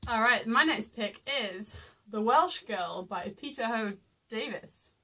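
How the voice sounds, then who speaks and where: A young woman chatting casually as a guest co-host, giggly and rambling, trailing off into soft asides. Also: fairly high pitch, animated, a little slow, noisy background. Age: young adult. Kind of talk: casual book haul chat.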